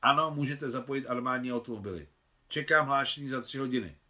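A commanding colonial governor of middle age speaks crisply and gives orders, voiced by a man reading a novel. His tone is bright and forceful. It is a storybook reading. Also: mid-range voice, lively intonation. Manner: brisk, giving orders.

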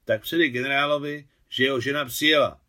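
A man voicing a brisk, commanding woman, a general's wife, who speaks in a loud, commanding tone. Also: mid-range voice, expressive.

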